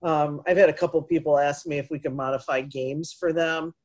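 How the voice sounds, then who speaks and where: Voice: mid-range voice, fairly even intonation, brisk. Easygoing meeting organizer. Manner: easygoing, encouraging, conversational. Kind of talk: casual meeting talk.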